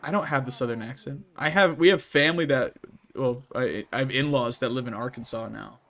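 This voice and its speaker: Gaming on stream, a Midwestern man reads his chat aloud and answers it with frequent laughter, keeping things casual. His mid-range voice is fairly bright and a little fast, carrying a Midwestern American accent.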